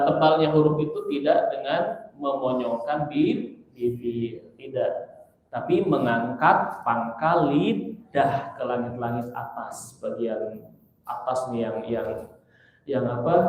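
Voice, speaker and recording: Slow-talking teacher in an echoey mosque. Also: male voice, medium pitch, a little mellow, a little hiss or hum. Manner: patient, repeats letter sounds to demonstrate. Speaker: Quran teacher. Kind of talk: tajwid lesson with spoken demonstrations. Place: large mosque hall.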